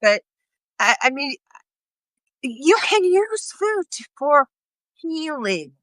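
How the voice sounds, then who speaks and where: A woman's voice: sits high, sing-song, takes it slowly, a bit bright, dry recording. A woman talking casually in a live video chat, rambling and restarting her sentences as she explains. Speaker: guest speaker on health. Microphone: video call.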